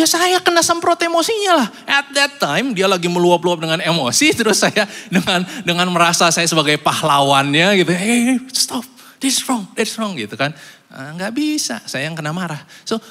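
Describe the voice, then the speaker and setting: A fairly high-voiced man preaching. He is animated, leaps in pitch when he acts out quotes, and drops English phrases into his sermon. His voice rings with the long reverb of a large church hall. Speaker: pastor.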